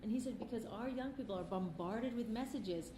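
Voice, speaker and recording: Her voice sits a little high and moves fairly quickly as this middle-aged woman, a filmmaker, responds to an interviewer with earnest, conversational passion. Faint background noise and a roomy echo color the recording.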